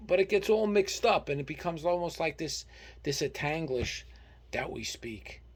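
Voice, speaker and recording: A man's voice: a little high, moderate pace. A man with a North Jersey Italian-American accent chatting casually and telling stories in a blunt, colloquial way. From New Jersey. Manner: colloquial, blunt, animated retelling with acted-out quotes and Italian dialect phrases. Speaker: vlogger. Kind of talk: casual chat, storytelling.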